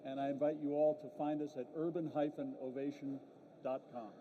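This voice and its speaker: A man co-moderating a panel, giving a concise, businesslike pitch. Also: little pitch movement, brisk, a little hiss or hum. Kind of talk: brief pitch of his platform. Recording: dull lo-fi sound.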